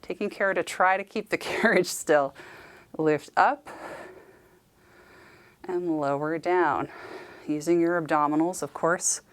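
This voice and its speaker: A woman's voice: lowish voice, slow pace, long pauses. A woman Pilates instructor leading a guided workout, cueing movements and counting down reps while she exercises along.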